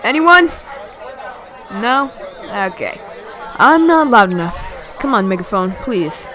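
A flustered, exasperated young studio crew member acted by a woman in an amateur comedy drama. The voice sits fairly high, with a casual, grumbling delivery. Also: very animated, takes it slowly, pushed and bright, a faint crowd, exaggerated voice.

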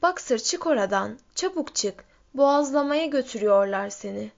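A desperate mare cries out in high, pleading calls, as a woman reads her out. The storybook recording sounds dull and lo-fi. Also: lively intonation, normal speed, gravelly. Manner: desperate, crying out. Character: pleading mare crying out to a friend.

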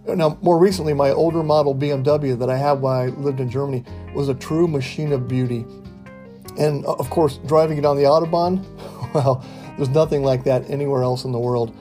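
Folksy older man with a mellow voice. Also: medium pitch. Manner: folksy, wry storyteller. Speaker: podcast host. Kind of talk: casual monologue. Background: faint guitar music.

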